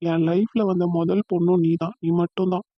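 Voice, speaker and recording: A man's voice: sits high, fairly even intonation, brisk, husky, no echo, lo-fi sound. A man voicing an earnest, tender young man in a cartoon.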